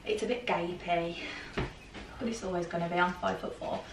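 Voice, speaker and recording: A chatty British fashion vlogger talks through a casual try-on haul, constantly saying "like". Her voice is lowish, gravelly, and steady at normal speed. A camera mic across a plain grey bedroom records her from a distance, giving roomy echo, an off-mic quality, faint ambience, and background noise.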